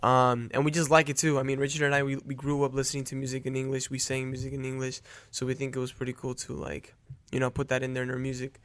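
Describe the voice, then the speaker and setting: A man's voice: mid-range voice, completely flat delivery, fast talker, a bit bright, clean tone, no echo. A man in his twenties, a boy band member, answering interview questions in an easygoing way with fillers. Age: 20s.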